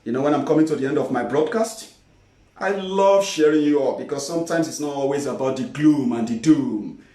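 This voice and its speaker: A man's voice: on the high side, fairly quick, mellow. A man hosting a morning political commentary broadcast, sarcastic, mocking and emphatic. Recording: roomy echo, distant from the mic.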